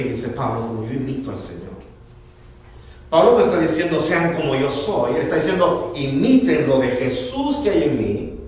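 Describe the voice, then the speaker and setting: A male pastor delivers an animated sermon, slipping into the voices of the people he quotes. His pitch sits a little high and leaps around. He is heard from some way off in a big echoing hall. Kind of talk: bilingual sermon. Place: church hall. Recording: echoey hall from far off, faint ambience.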